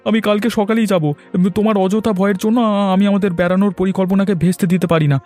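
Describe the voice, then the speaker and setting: Guy doing a headstrong cartoon son, high but mellow voice, music behind. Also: level tone, fast, lightly acted. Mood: stubborn son. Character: stubborn young son and calm protective father.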